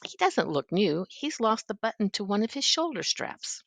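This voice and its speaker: A weary storybook mother played by an older woman speaks with a sigh. The telling is grandmotherly, with a creaky edge and a close, dry sound. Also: mid-range voice, sing-song, moderate pace, a bit bright, dry recording, full character voice. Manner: sighing, grandmotherly storybook delivery. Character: weary, sighing mother refusing her child.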